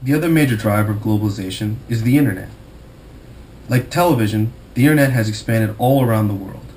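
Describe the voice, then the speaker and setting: A man's voice: lowish voice, a little mellow, a little hiss or hum, low-quality recording. A young man from Costa Rica giving an earnest, formal scripted narration as a student documentary narrator. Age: young adult.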